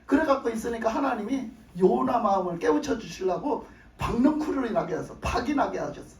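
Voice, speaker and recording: A man preaching a sermon as a pastor, telling the story in an animated way and acting out the characters. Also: very high-pitched, a little fast. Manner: animated storytelling, acts out voices. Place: church hall. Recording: echoey church hall from a distance.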